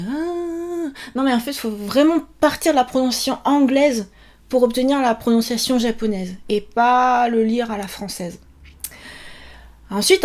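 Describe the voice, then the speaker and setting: A woman teaching a casual vocabulary lesson, chatty and laughing often, drilling students with repeated questions. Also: a little high. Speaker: Japanese language teacher.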